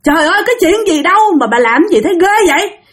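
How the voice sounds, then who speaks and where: A woman's voice: fairly high pitch, lively intonation, fast talker, lightly acted. A woman voicing a young woman protesting her innocence in exasperation. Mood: indignant, protesting. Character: indignant young woman wrongly accused.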